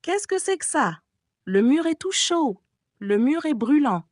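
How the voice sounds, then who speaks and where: A woman's voice: medium pitch, big pitch swings, moderate pace, no echo, clean studio sound, lightly acted. A woman voicing a frightened young woman singer who pleads and begs in a gothic audiobook. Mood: alarmed. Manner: pleading, anxious.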